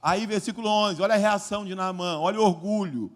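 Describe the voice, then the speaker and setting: Man, pastor, sermon, storytelling delivery, voice a bit high, long church reverb. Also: fairly quick. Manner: storytelling, acts out quoted lines, builds in volume. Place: church service hall. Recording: live church hall reverb.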